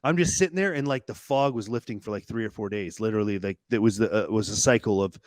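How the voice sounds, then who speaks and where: A middle-aged man, a podcast guest, telling a personal story candidly and haltingly, with restarts and laughs. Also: lowish voice, no room sound, clean studio sound.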